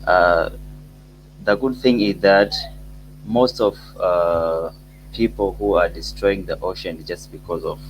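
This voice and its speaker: A man with a Tanzanian accent speaking haltingly in an online meeting, pausing often. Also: low-pitched, low-quality recording. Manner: halting, many hesitations. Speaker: summit participant. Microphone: video call. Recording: video call with loud hum.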